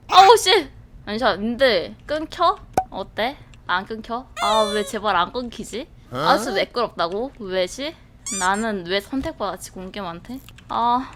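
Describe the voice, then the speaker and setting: A young woman streaming a horror game live, shrieking and swearing when scared and bantering with her chat. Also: on the high side.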